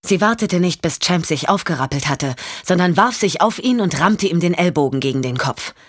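Low-voiced woman narrating a thriller. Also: expressive, normal speed, no echo, clean studio sound. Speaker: audiobook narrator.

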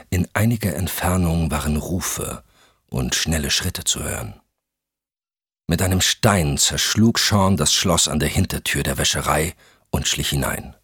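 A man reads a thriller audiobook in a measured, suspenseful way. His voice is extremely deep and husky. The recording is dry and close, with no room sound. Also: a bit bright, no echo. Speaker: audiobook narrator. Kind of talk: scripted thriller narration.

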